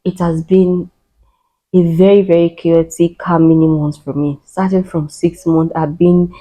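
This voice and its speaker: A young adult woman host telling a personal story on a podcast, expressive and dramatic, with cries, sighs and emphatic repetition. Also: lowish voice, a little slow, rough recording.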